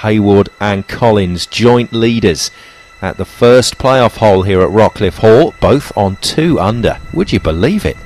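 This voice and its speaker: Male golf commentator, lowish voice, punchy broadcast phrasing, clear music bed underneath. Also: expressive, measured pace, few pauses, a little mellow.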